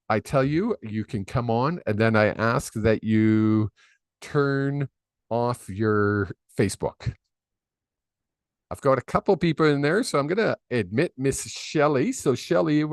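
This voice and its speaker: On his live psychic reading stream, the medium host chats casually and rambles, heavy on fillers, through a desk microphone on a video call. His voice sits in the mid-range, and the sound is studio quality with no room sound.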